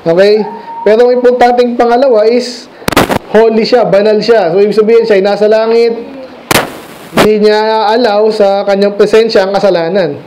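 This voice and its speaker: High-voiced man preaching a conversational sermon. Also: steady tone, normal speed, noisy background. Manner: conversational, asks the congregation questions; mixes English phrases into his speech. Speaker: pastor. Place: church sanctuary.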